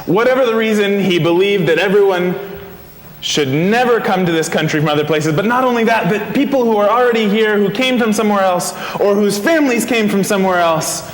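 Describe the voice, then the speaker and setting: A man telling a playful, expressive story to a church congregation. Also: sits high, fairly quick, a little hiss or hum. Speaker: intern minister. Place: large church sanctuary. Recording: echoey hall with long reverb.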